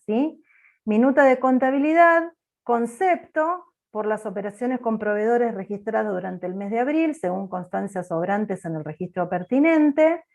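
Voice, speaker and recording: Female accounting teacher, bossy and loud-sounding, lecturing on a video call. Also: fairly high pitch. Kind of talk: online class lecture.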